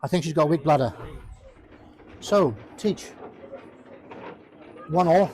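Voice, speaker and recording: A man's voice: fairly high pitch, takes it slowly, darkish tone, a little hiss or hum. A man giving casual, jokey live commentary on a pool match, rambling and repeating himself. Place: pub during a pool match.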